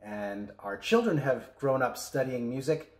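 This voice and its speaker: A middle-aged man and music educator, explaining things step by step in a relaxed teaching chat. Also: mid-range voice, a little slow, husky.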